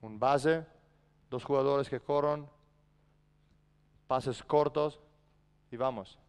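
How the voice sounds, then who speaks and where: A man's voice: medium pitch, steady tone, takes it slowly, clean tone. A man coaching a basketball practice in a large indoor gym, barking short commands and then explaining patiently. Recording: echoey gym reverb.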